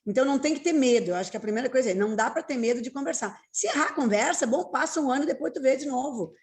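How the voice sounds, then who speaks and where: A woman's voice: high voice, animated, very fast, darkish tone. A woman guest, talking earnestly and repeating her points for emphasis. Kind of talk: casual interview talk.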